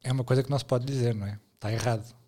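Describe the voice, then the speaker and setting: A man's voice: medium pitch, fairly even intonation, racing, warm tone. This man speaks with a European Portuguese accent. He co-hosts a casual podcast, and his talk is playful and rambling, often poking fun at himself. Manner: playful, rambling, self-mocking. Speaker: podcast co-host.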